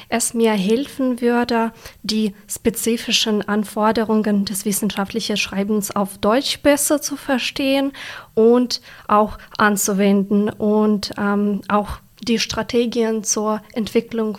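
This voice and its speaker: A young woman from Ukraine, an exchange student answering interview questions in careful, hesitant speech with many pauses and restarts. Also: on the high side. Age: young adult.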